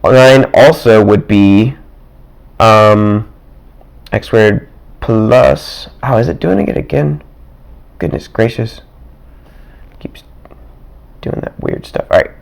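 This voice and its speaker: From his desk, a man works through math examples in a casual way, thinking aloud with small chuckles and asides. His low-leaning voice is raspy and dry-throated, growing rougher as he keeps clearing his throat, and he speaks slowly with long pauses.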